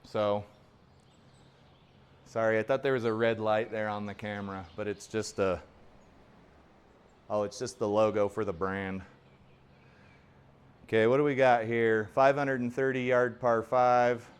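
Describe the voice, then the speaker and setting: A man's voice: on the low side, steady tone, unhurried, long pauses, clear, resonant tone. A man in his forties giving casual, rambling, self-deprecating commentary while playing in a home golf simulator. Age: 40s. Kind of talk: casual play-along commentary.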